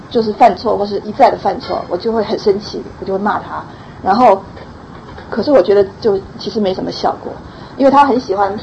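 A woman with a gravelly, creaky edge to her voice, talking quickly as she reflects on her parenting with some self-criticism. The recording is dull and lo-fi, with faint ambient noise behind her. She sounds hesitant, as if thinking aloud. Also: medium pitch, darkish tone. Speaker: mother sharing experience. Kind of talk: group sharing, asking advice.

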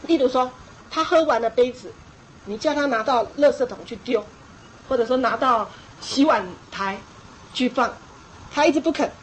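A middle-aged woman delivers a sermon in a high voice. She talks emphatically, repeats her points and acts out scolding scenes as she goes. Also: moderate pace, a little hiss or hum, poor audio. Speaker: preacher. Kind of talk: sermon on parenting.

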